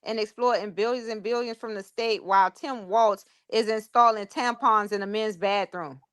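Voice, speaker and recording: A woman's voice: mid-range voice, fairly even intonation, normal speed, fairly bright tone, clean tone. A woman in her forties, a guest in a casual livestream chat, talking frankly and outspokenly. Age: 40s. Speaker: guest panelist.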